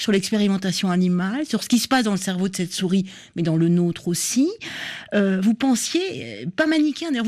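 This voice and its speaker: A woman's voice: medium pitch, a little mellow. Woman interviewer asking long questions. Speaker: radio interviewer. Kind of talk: radio interview.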